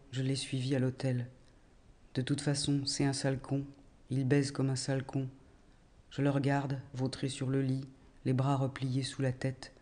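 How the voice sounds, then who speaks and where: An actor playing a man who reads aloud a bitter piece of his own writing in a measured, deliberate way. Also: mid-range voice, mellow, close to an everyday voice. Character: man reading out a bitter, crude piece he wrote. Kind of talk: reading his own text aloud in a film scene.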